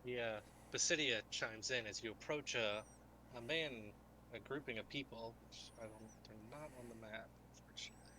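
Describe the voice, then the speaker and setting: A man's voice: mid-range voice, normal speed, sharp tone, a little hiss or hum. A man narrating as game master in a casual, rambling way.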